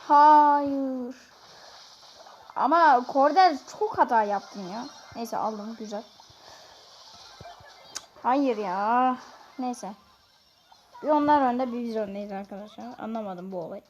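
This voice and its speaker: Excitable woman narrating her gameplay. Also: a little high, a little slow, long pauses, a little hiss or hum. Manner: chatty, excitable, talks to viewers. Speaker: gaming YouTuber. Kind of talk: live gameplay commentary. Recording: dull lo-fi sound.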